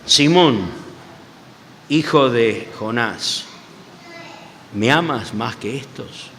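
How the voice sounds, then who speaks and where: A patient divine teacher presses his questions slowly and firmly, as a man acts him out. The voice drops low yet stays bright and sharp. A long hall reverb carries every word. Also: a little hiss or hum. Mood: gentle. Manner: low, slow, gently insistent questioning.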